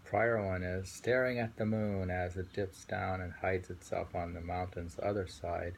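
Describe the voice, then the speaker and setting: A man with a deep, creaky voice slowly reads poetry and comments on it informally, his delivery flat. He's contemplative, pausing between phrases to muse as he goes. The amateur recording has faint noise.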